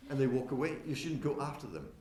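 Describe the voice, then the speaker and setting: A man giving a lively conference talk to an audience, who keeps asking them questions and swings from loud to soft on purpose. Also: mid-range voice, fast talker. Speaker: conference speaker. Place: windowless conference hall. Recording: echoey hall with faint noise.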